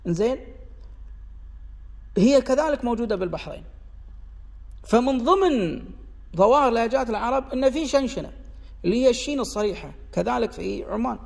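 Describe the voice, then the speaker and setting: A high-pitched man with a Gulf Arabic accent teaches a dialect lesson, drawing out sounds one at a time to show how they are made. His voice is gravelly, and a long reverb hangs on his words. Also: lively intonation, a little mellow. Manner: demonstrates sounds by repeating them slowly; sketches a diagram while explaining. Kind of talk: explanatory lesson.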